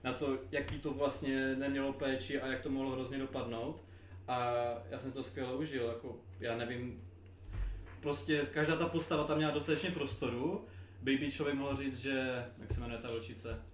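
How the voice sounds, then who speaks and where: A man with an even, flat delivery rambles enthusiastically as a podcast co-host, full of fillers. He sits well back from the mic. The room is echoey, with a faint hiss. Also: mid-range voice. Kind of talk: casual chat. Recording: roomy, distant mic with faint noise.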